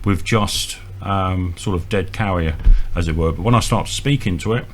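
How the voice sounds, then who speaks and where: Indoors at a small equipment bench, a man with a low voice and moderate pace informally demonstrates equipment, explaining each step hesitantly. The recording has audible electrical hum and noise.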